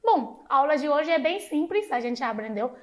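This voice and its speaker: A woman with a Chinese accent and Mandarin as her first language, slowly and patiently teaching a short lesson on a talk show. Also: high-pitched, lively intonation, a little mellow. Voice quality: slow, patient explaining with repeated drilled syllables.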